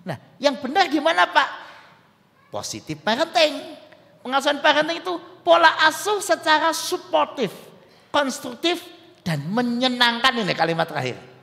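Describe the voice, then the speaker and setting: A man's voice: extremely high pitch, normal speed, vocal fry. A male pastor with a Javanese accent preaching a conversational sermon to a congregation in a church hall. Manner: animated, conversational, acts out dialogues.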